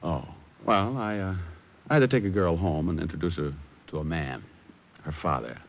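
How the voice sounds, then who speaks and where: Richard Diamond, quick-witted wisecracking radio detective. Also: male voice, low-pitched, a little hiss or hum. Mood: evasive, wry. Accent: American. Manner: flip, tossed-off wisecracks. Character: wisecracking male private detective, flirtatious, breezily cool. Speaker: actor in lead role. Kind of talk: 1940s-50s radio detective acting, with crooning. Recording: dull vintage radio recording with music.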